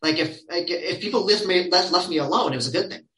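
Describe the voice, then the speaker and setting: A man telling stories casually as a podcast guest, animated and quoting others in lively voices. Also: high-pitched, fast talker, roomy sound, rough recording. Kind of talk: casual storytelling.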